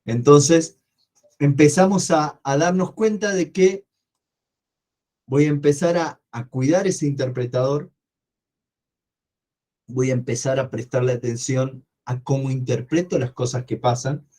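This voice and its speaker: Man, Argentine accent, loud and energetic, mellow warm tone, online class lecture. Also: mid-range voice, a little slow, pauses often. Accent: Argentine Spanish. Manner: asks the class questions and answers them himself. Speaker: coaching course instructor.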